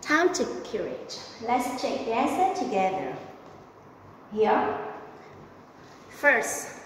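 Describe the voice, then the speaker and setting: A woman's voice: a little high, big pitch swings, slow pace, fairly bright tone. A woman English teacher who patiently walks children through test answers, repeating phrases and correcting herself. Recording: echoey room, voice far from the mic, faint noise.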